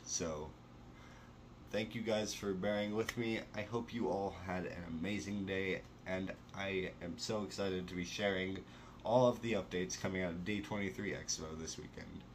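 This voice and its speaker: A man's voice: low voice, fairly even intonation, normal speed, a little hiss or hum. A young man in a casual sit-down news chat from his bedroom, enthusiastic and full of fillers. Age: young adult. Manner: chatty, enthusiastic, many fillers. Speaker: vlogger. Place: small bedroom, indoors. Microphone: camera close to face.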